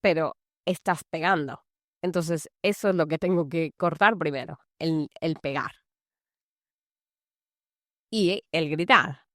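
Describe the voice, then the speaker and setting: A woman coaches mothers on handling anger, speaking in a relaxed, rambling way with lots of filler phrases. Her voice sits a little low. The sound is dry, with no room echo around it. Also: takes it slowly, pauses often. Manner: loose and conversational, full of "es como" fillers. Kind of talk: casual talking-to-camera advice. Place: large house.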